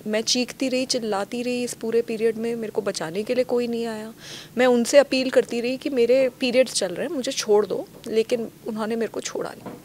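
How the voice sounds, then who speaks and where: A woman answering interview questions, giving a detailed and earnest account. Her pitch is average, and a faint ambient hiss sits behind her voice. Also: steady tone, brisk, darkish tone. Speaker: guest.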